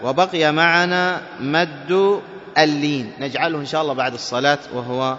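Guy teaching a lesson, pretty high voice, asks questions then answers them, sounds dull and echoey like a big hall. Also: steady tone, brisk, fairly bright tone. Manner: asks questions and answers them himself, chants example words. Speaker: Quran recitation teacher. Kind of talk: classroom lesson. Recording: muffled, reverberant hall.

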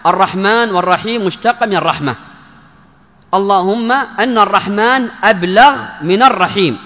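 Male religious teacher, high voice, emphatic lesson delivery, asks and answers his own questions, long hall reverb. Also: moderate pace, pushed and bright. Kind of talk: Islamic grammar lesson.

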